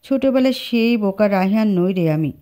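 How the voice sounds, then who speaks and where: A woman voicing an obsessive young man speaking quietly to a sleeping girl in a storybook reading. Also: medium pitch, expressive, moderate pace, lightly acted. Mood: brooding.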